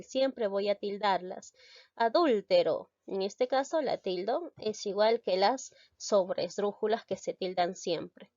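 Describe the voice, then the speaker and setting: A woman's voice: on the high side, darkish tone, no echo. A woman teacher explaining grammar rules step by step, posing rhetorical questions as she goes. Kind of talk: recorded grammar lesson. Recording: dry, slightly dull recording.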